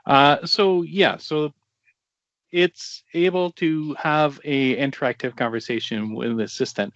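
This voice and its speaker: A man with a French Canadian accent presenting a software demo on a video call, casual and joking, with many fillers. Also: mid-range voice, no room sound. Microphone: video call mic. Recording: dull, dry video-call audio.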